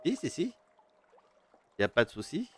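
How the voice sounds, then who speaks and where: A man's voice: fairly high pitch, huge pitch swings, moderate pace, faint music behind. A man streaming a game live, hesitant and full of fillers, chatting with his viewers and reading game text aloud. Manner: hesitant, many fillers and restarts, chats with viewers.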